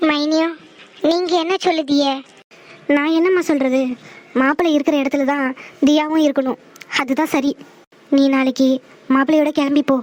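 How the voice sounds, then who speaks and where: A woman voicing the village mothers and bride in an animated family drama, scolding and pleading in a dialect. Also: high voice, moderate pace, long pauses, close to an everyday voice. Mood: coaxing. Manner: scolding, rural Tamil dialect. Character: several village women: mother, mother-in-law, bride.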